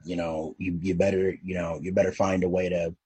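A male podcast host with a very raspy, rough voice sitting low in pitch. He talks loosely and chattily, letting his sentences wander and trail off. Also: little pitch movement, brisk, darkish tone, poor audio. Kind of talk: conversational interview.

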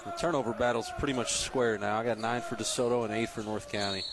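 A man's voice: mid-range voice, steady tone, fast talker, rough recording. A man giving conversational color analysis during a live basketball broadcast. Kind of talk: conversational sports commentary. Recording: live gym broadcast with crowd noise. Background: crowd and bouncing basketball.

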